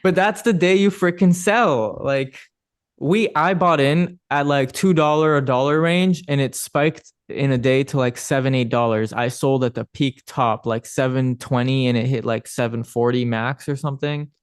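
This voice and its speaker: Smooth-voiced man hosting a chat. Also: medium pitch, normal speed. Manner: relaxed, chatty, laughs often. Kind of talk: casual livestream chat.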